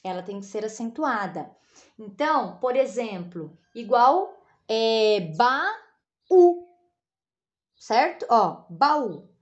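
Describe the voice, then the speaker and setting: A woman's voice: fairly high pitch, lively intonation, takes it slowly, muffled recording. A Brazilian woman teacher explaining a lesson to children patiently, spelling out syllables and checking in often. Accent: Brazilian Portuguese. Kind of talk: recorded classroom lesson for children.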